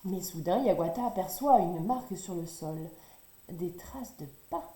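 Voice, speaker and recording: A woman reading a children's story aloud in a lively, expressive way. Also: on the low side, measured pace, noisy background. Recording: roomy echo.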